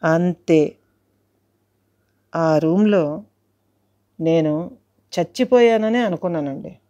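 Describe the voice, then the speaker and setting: A woman narrating a first-person story to listeners, unhurried and politely addressing them as she goes. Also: low-pitched, dark tone, muffled recording.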